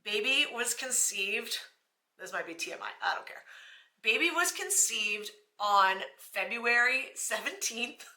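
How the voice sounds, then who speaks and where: A woman's voice: fairly high pitch, lively intonation, a little slow, sharp tone, reverberant. A young pregnant woman from Canada, chatting casually to camera with a self-deprecating, laughing manner. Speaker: vlogger.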